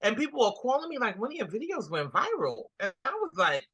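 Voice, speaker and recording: Slightly high and breathy, this woman talks fairly quickly in a Guyanese accent. As a comedy guest in a relaxed interview, she spins her stories with lots of animation, performing each quoted line.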